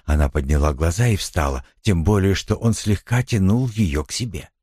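A man reading a novel aloud as an audiobook narrator, in a measured, expressive storytelling manner. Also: sits low, breathy edge, dry recording, studio quality.

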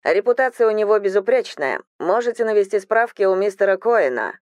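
A woman's voice: medium pitch, expressive, fairly quick, darkish tone, no room sound, clean studio sound, voice pushed up, natural voice. A woman reading the lines of an ingratiating male assistant of about thirty, who tries to keep his dignity. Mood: fawning. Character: fawning obsequious male assistant around thirty.

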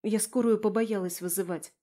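A woman narrating a first-person novel for an audiobook. Her reading is steady and straightforward. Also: medium pitch, normal speed.

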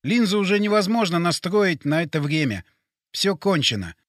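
A man's voice: high voice, sing-song, no echo, studio quality. A man doing a dying young man with a burr. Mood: resigned. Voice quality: burred r sounds, r spoken like g. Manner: slow, faint, halting speech. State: dying, barely audible. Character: dying young man, weak, gentle, resigned.

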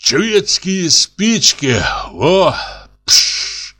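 A man voicing a quarrelsome young peasant who shouts in a high, screeching voice. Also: animated, extremely slow, heavily acted. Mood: boastful. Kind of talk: audiobook character voice.

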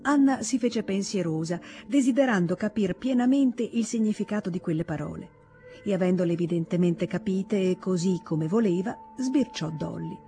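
A woman reads a classic novel aloud in a measured, expressive way. Her voice is warm and mellow, neither high nor low. Soft music plays faintly beneath her. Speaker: audiobook reader. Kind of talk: literary audiobook narration.

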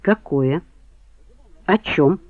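A man reading as a sharp, probing woman. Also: fairly high pitch, animated, drawn-out words, dry recording. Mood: cool. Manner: cool, cutting questions. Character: sharp, probing woman questioning her lover. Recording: tinny phone-like band, dry.

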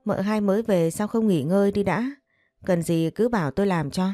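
A woman voicing a kindly, motherly older female house servant in an audio story, speaking with gentle advice. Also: mid-range voice, moderate pace, no room sound, clean studio sound, lightly acted.

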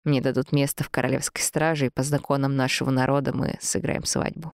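A woman voicing a calm, dutiful young man, a guard, who speaks in a subdued way. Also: very deep voice, a little fast, no echo, studio quality.

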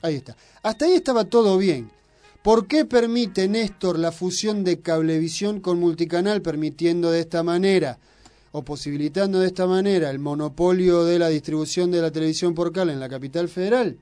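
Soft music plays behind this high, mellow male voice moving at a fairly quick pace. He's an Argentine-accented radio host who needles his co-host and holds forth on politics, provocative and argumentative throughout this opinionated on-air banter.

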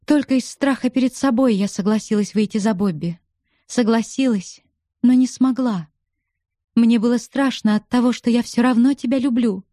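A woman's voice: on the high side, moderate pace, mellow, no room sound, studio quality, lightly acted. A woman reading the part of an earnest, pleading young woman in love for an audiobook.

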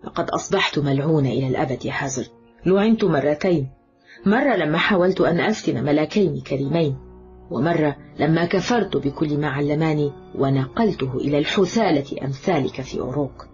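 A woman's voice: low voice, brisk, darkish tone, close to an everyday voice. A woman voicing a proud, seductive cursed woman in an audiobook drama, speaking haughtily. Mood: bitter, cursed. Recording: dull lo-fi audio with background music.

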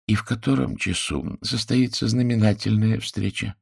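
Guy doing a fussy pompous detective, pedantic, deep voice, dry sound. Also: steady tone, moderate pace, vocal fry, breathy edge, no room sound, exaggerated voice. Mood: measured. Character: fussy precise Belgian detective, middle-aged man.

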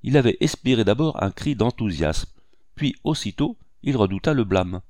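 A man giving a measured, even literary audiobook narration. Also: lowish voice, no echo, clean studio sound.

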